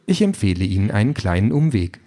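A man voicing a calm, precise unseen machine helper that gives matter-of-fact warnings. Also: lowish voice, quick pace.

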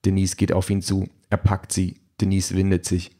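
A man narrating a story in an even, measured reading voice. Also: low voice.

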